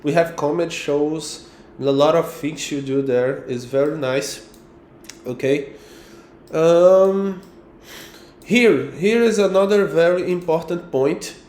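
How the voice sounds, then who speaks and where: A man's voice: on the high side, slow pace, a little mellow, reverberant, slight background noise. A man with a Brazilian Portuguese accent guiding viewers around his city, hesitant and full of fillers, ending lines with "okay". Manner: hesitant, many fillers, tags sentences with okay. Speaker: local guide showing the city on a map. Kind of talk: casual screen-share tour talk.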